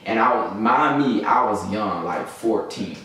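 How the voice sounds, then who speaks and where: Chatting to camera, a young adult vlogger from Birmingham, Alabama, spins a casual, slangy story in a Southern US accent, rambling and easily distracted. His voice is fairly low, fairly bright, expressive, and unhurried. The room is very echoey, the mic distant, and there is faint noise.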